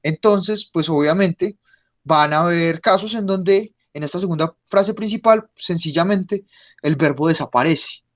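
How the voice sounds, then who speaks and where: A man teaching an online language class, patiently repeating example sentences slowly. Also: on the high side. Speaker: German teacher.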